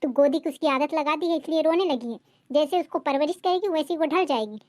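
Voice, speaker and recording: A woman's voice: high voice, brisk, darkish tone, dry recording, lightly acted. A woman voicing a harsh, scolding middle-aged mother-in-law in a cartoon family drama. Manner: scolding, accusing.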